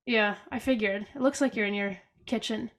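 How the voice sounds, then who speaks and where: A young woman with a cold co-hosts a casual podcast over a video call from her bedroom, her stuffy, congested voice chatty and upbeat and full of fillers. Her pitch is medium, her intonation fairly even, and her pace moderate.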